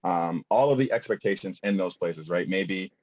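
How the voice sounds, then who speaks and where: Deep-voiced man giving a casual workshop talk. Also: moderate pace, a little mellow, lo-fi sound. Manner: casual, filler-heavy, engaging the audience. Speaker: workshop presenter. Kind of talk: conference workshop presentation.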